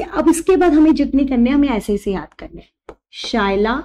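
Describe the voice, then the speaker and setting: A woman teacher giving a chemistry lesson, slowly dictating memory tricks, mixing Hindi with English terms and checking in often. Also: a little high, darkish tone. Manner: slow, repetitive dictation of mnemonics; checks in with "thik hai".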